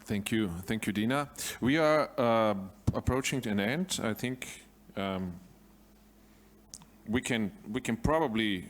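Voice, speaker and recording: A man moderating a conference panel, talking haltingly with fillers. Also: on the low side.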